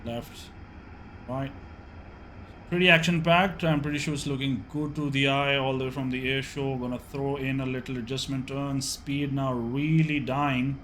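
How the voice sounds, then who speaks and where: A man's voice: medium pitch, steady tone, moderate pace, fairly bright tone. A man giving live flight simulator airshow commentary, narrating each move in clipped phrases as he flies. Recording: clearly noisy background.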